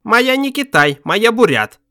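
A man's voice: high-pitched, big pitch swings, normal speed, pushed and bright, voice pushed up, heavily acted. A man voicing a proud, stubborn male vagrant who speaks in broken, ungrammatical phrases.

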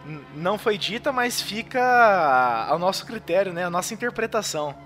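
A Brazilian Portuguese man with a noticeably high voice retells a movie scene by scene in loose podcast chat. His speech rambles and fills with small verbal tics. Faint music sits under him. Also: expressive, moderate pace, fairly bright tone. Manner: rambling recap with frequent fillers and chuckles. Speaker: podcast host. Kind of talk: casual podcast film recap.

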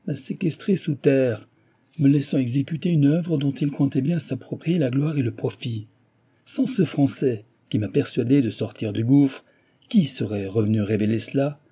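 Man doing a gleeful old engineer, sneering and sarcastic, raised pitch, husky dark voice. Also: natural voice. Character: gleeful mocking older male American engineer.

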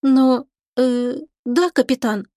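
A woman's voice: sits high, takes it slowly, warm tone, no room sound, clean studio sound, voice pushed up. A woman voicing a bubbly, eager young female sailor on a starship, with a playful, sing-song delivery. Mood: sheepish.

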